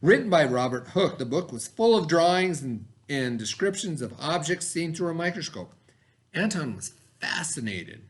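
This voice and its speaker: A man with a medium-pitched voice reads aloud as a teacher in an expressive, educational style. He pauses to explain things and repeats key words for the children.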